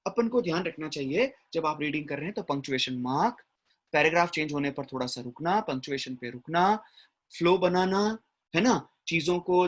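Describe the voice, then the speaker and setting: A man giving a classroom lecture as an English teacher, often checking in with his listeners. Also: a little high. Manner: mixes English words into explanation, frequent "ठीक है ना?" check-ins.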